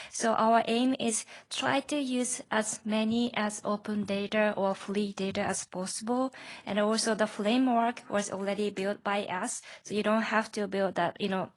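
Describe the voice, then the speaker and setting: A woman researcher answers audience questions on a panel. She speaks in a measured way and often pauses to find the next word. Her pitch sits in an ordinary mid range.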